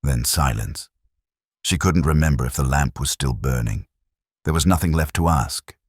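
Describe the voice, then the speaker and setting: In a dry, studio-quality recording, a man with a rumbling low, gravelly, husky voice narrates a first-person detective story. His delivery is measured, solemn, and literary.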